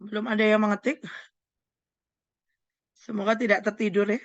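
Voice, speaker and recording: A woman doctor giving an online parenting seminar, lively and often acting out what parents say to children. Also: mid-range voice, normal speed, no echo, lo-fi sound.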